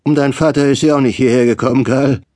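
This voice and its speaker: A man's voice: medium pitch, fairly even intonation, fast talker, warm tone, no room sound, studio quality, voice pushed up, lightly acted. A man voicing a nosy older hotelier in an audiobook, speaking in a prying, reproachful way. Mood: gossiping. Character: nosy older male small-town hotelier, gossiping. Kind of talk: audiobook character reading.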